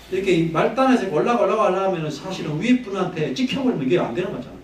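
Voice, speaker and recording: Lively male history lecturer in a hall. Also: on the high side, a little hiss or hum. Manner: conversational, poses questions to the audience. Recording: echoey hall, mic at a distance.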